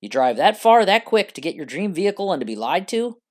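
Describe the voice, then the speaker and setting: A narrator reading a scripted first-person story with an expressive delivery. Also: mid-range voice, brisk.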